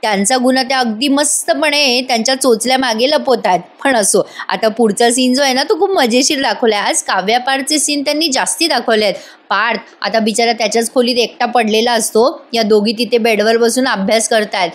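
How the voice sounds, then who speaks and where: A woman's voice: fairly high pitch, a little fast. A woman giving a casual, chatty voice-over recap of a TV serial, talking straight to her viewers. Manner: chatty, addresses viewers, laughs often. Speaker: TV serial reviewer.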